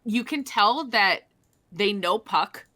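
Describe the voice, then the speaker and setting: A woman's voice: medium pitch, takes it slowly. A young woman co-hosting a casual podcast, rambling through stories with lots of fillers and restarts. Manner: rambling, filler-heavy, animated storytelling. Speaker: podcast co-host. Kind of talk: casual chat.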